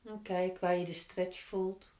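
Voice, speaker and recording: A woman teaching yin yoga, guiding gently step by step with unhurried pauses between instructions. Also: fairly low pitch, flat delivery. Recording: roomy, echoing indoor sound.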